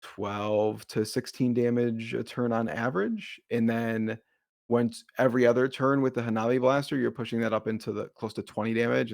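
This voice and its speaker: A man with a slight Boston accent explaining a card game deck in a relaxed, rambling way with many fillers. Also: medium pitch, gravelly, dry recording, studio quality. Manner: jokes about his slight Boston accent. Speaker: deck builder, co-host. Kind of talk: casual card game discussion.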